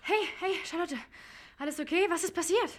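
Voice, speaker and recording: A woman voicing a calm production staffer who talks in a quiet, soothing, steady way. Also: very high-pitched, moderate pace.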